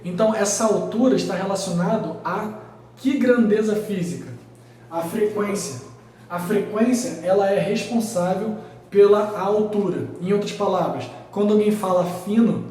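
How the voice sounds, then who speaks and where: A man's voice: high voice, dark tone, slight background noise. A man with a Brazilian accent teaching a physics exam lesson at a whiteboard, explaining step by step and checking in often with his students. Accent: Brazilian Portuguese. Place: room with a whiteboard. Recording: very echoey room, mic far off.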